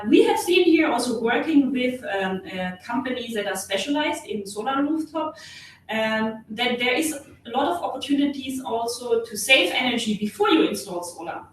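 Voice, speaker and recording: Brief: German woman, non-native English, hesitant consultant on a webinar, roomy far-off call sound, faint hum. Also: on the high side. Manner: hesitant, many fillers. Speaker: webinar speaker, energy consultant. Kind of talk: webinar Q&A answer. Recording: echoey, distant video-call audio with faint hum.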